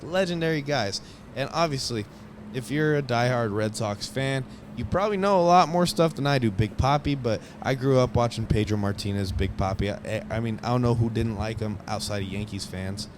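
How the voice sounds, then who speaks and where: An excited young man talks through his tour footage in a loose, rambling vlog style, full of fillers and restarts. His voice sits at an ordinary middle pitch. Loud city ambience and passing traffic run underneath. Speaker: vlogger giving a stadium tour. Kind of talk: casual voice-over narration.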